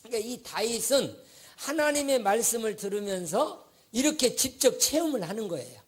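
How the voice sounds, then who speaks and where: Husky animated Korean male pastor preaching. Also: extremely high pitch, normal speed. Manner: animated storytelling preaching with questions to the congregation. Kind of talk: sermon.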